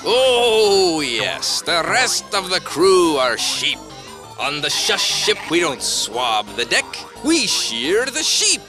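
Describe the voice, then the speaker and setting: A performer playing a boisterous pirate host in a children's TV comedy, with a lively delivery. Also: mid-range voice, slow pace, music in the background. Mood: jolly.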